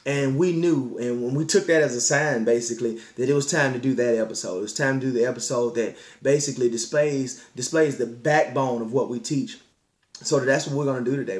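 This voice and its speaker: A man hosting a dog-training podcast, speaking earnestly like a preacher and repeating key phrases for emphasis. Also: mid-range voice. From Alabama. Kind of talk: podcast monologue, partly read from notes. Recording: echoey room.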